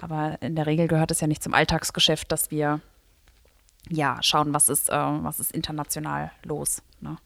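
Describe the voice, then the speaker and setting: Chatty woman, lowish voice. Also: little pitch movement, moderate pace, gravelly, fairly bright tone, dry recording, studio quality. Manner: chatty, laughs often, rambling. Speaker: local newspaper podcast host. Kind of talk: casual chat.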